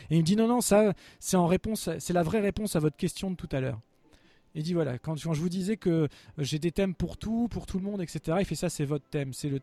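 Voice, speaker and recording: A man tells a story at a quick clip, his voice soft and mellow. He rambles and restarts, stacking fillers as he chats casually on a podcast, with faint music in the background. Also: a little high, slightly rough. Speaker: podcast host.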